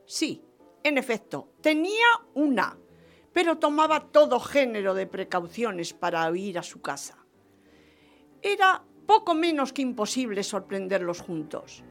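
In a radio theatre period piece, a woman plays an exuberant, scheming, vengeful French marquise gleeful about her marriage, sounding conspiratorial and indignant. Her fairly high, gravelly voice swings widely in pitch at a measured pace, heavily acted and gushing, repeating phrases for emphasis, with faint music behind.

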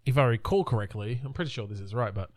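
A man's voice: medium pitch, fast, dry recording, studio quality. A man in his thirties co-hosting a podcast, chatting casually and rambling with many restarts. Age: 30s. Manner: rambling, restarts often, trails off. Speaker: podcast co-host. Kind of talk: casual chat.

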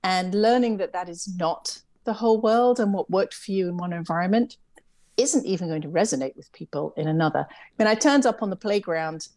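A middle-aged woman from England, a camp CEO, is a guest in a conversational interview. Her English accent has been softened by years in America, and her voice is lowish and a little fast. Chatty and reflective, she laughs lightly at herself while telling her story.

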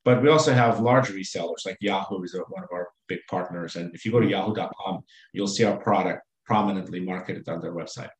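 Low-voiced man in a roomy space. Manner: halting, many fillers and restarts. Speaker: company executive guest. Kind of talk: business interview.

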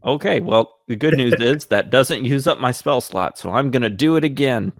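A man's voice: mid-range voice, animated, moderate pace, no echo, clean studio sound. A man playing a tabletop game, wry and self-deprecating, making small jokes about his own rolls. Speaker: player. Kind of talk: casual tabletop play.

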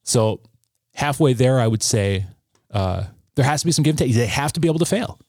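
A man in his thirties, a podcast guest, telling a personal story in an earnest, halting way with frequent restarts. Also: mid-range voice, expressive, darkish tone, dry recording, clean studio sound.

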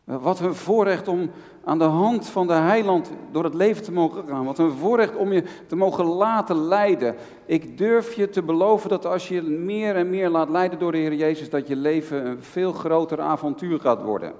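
Middle-aged male preacher, slightly high voice, fervent pastoral delivery, long hall reverb. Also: moderate pace, a little mellow. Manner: fervent, rising to impassioned pleading; pastoral, speaks directly to listeners. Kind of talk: sermon.

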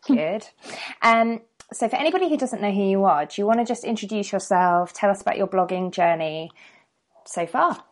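A woman hosting a podcast, chatty and friendly in a relaxed interview. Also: medium pitch, moderate pace. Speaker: podcast host.

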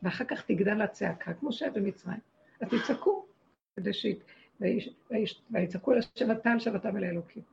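A woman's voice: medium pitch, creaky, a little mellow, dull audio, a little hiss or hum. A woman giving a religious lesson to a group, speaking emphatically in short, repeated phrases. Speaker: spiritual teacher.

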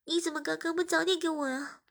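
A woman's voice: very high-pitched, steady tone, fast, creaky, a bit bright, voice pushed up, full character voice. A woman voicing a shy young wife who gets flustered and pleads easily.

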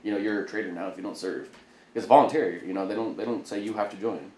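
A man from Idaho, a former Marine, telling his story as a podcast guest in a profane, animated way. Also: on the low side, fast. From Idaho, United States. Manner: profane, animated storyteller who acts out quotes. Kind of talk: casual interview storytelling. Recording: echoey room, faint background noise.

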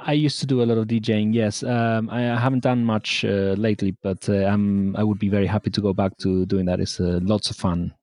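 A man from Argentina, a musician guest on a podcast, speaking softly with many pauses. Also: on the low side, steady tone, dry recording. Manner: soft-spoken, frequent uh fillers. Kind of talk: casual interview.

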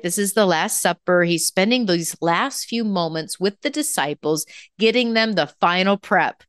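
A woman's voice: low-pitched, a bit bright, clear, resonant tone, no room sound, studio quality. A woman hosting a scripture reflection, speaking earnestly and rising to fervent emphasis on key points. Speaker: host of a faith reflection show.

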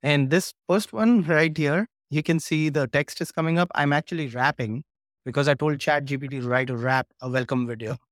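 Man, video call audio, slightly high voice, dry sound, eager step-by-step explainer. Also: fairly quick, no echo. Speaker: guest course creator. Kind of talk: casual interview chat.

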